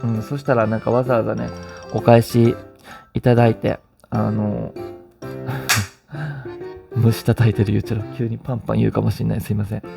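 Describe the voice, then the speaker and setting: A man's voice: fairly low pitch, fairly even intonation, moderate pace, vocal fry, pauses often, music in the background. A man with a Kansai Japanese accent hosting a vlog, chatting casually and playfully while reading out listener stories. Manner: chatty and playful, often laughing and teasing. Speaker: vlog host.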